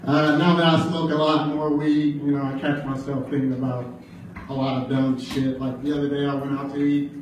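A man's voice: mid-range voice, little pitch movement, brisk. A man in his twenties from the American Midwest doing stand-up at an open mic, rambling loosely with lots of fillers and swearing. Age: 20s. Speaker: stand-up comedian. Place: bar or club room at an open mic. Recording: very echoey room, distant mic, faint noise. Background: audience laughter.

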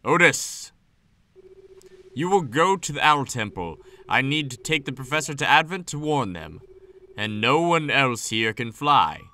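A man's voice: medium pitch, very animated, measured pace, pushed and bright. A man voicing a stern male owl village elder in a game playthrough, speaking firmly and scolding.

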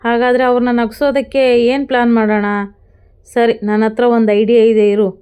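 A woman's voice: on the high side, level tone, brisk, mellow, smooth, lightly acted. A woman reading the lines of a worried little girl from a TV serial in a plain recap voice. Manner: read out plainly in a retelling.

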